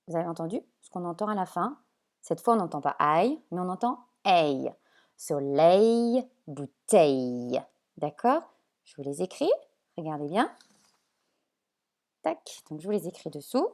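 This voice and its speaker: A woman teacher explaining spelling sounds at a whiteboard, slow and patient, checking often that her pupils follow. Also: fairly low pitch, very animated. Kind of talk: remote classroom lesson at a whiteboard.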